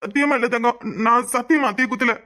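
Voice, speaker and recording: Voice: medium pitch, fast, bright, forceful tone, no room sound, studio quality, lightly acted. A voice actor playing a cowardly, blustering drunk man in a cartoon, panicky and defensive. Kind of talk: cartoon voice acting.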